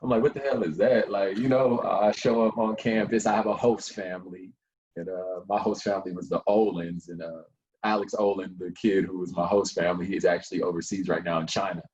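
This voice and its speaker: A young man from Colorado Springs, a nonprofit founder, talking at length in a relaxed interview, with plenty of fillers along the way. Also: deep voice, fairly quick, muffled recording. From Colorado Springs, USA. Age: young adult. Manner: long-winded, relaxed storyteller with frequent fillers. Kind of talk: casual interview chat.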